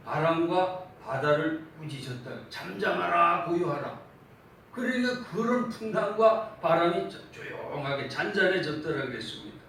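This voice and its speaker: A high-pitched man preaches in a church sanctuary, his voice climbing to loud, emphatic peaks whenever he quotes scripture. He stands well back from the mic, so the sound is heavily echoey, with a faint hum of room ambience behind him. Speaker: pastor. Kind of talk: sermon. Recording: echoey church hall from far off.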